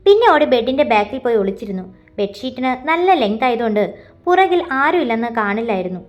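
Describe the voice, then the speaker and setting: A woman reading a love story aloud as storyteller in a plain, steady way. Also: a little high, fast.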